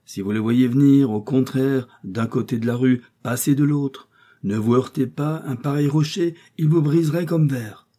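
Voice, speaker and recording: A man reading an audiobook voices an older musketeer captain, measured, commanding and warning. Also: medium pitch, mellow, pitched above the performer's own voice, lightly acted. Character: older male musketeer captain, guarded and authoritative. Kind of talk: audiobook character voice.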